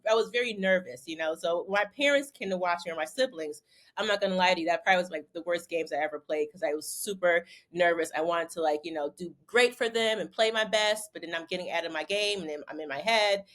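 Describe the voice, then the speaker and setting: A young adult woman from Connecticut, a guest in a casual interview, telling animated stories and repeating words when she gets excited. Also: lowish voice, quick pace. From Bridgeport, Connecticut. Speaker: interview guest, former basketball player turned model.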